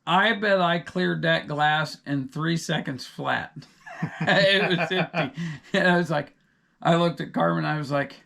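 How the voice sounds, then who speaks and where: A man's voice: on the high side, unhurried, vocal fry, pushed and bright. A middle-aged man, co-hosting a podcast in casual chat and wandering off into long, digressive stories. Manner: rambling, digressive storyteller. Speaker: podcast co-host.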